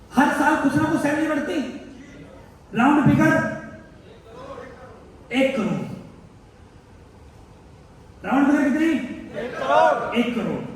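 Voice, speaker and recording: A man in his thirties giving a motivational business seminar, quizzing the crowd with repeated questions and answers. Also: very high voice. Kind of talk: seminar speech to a live audience. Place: large hall. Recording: echoey hall from far off, faint noise.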